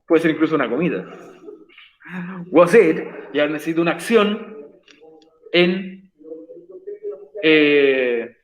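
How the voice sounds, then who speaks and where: A man's voice: a little high, lively intonation, takes it slowly, long pauses, reverberant. Patient man teaching a class. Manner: patient, encouraging, explains step by step. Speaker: English teacher. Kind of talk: online class explanation.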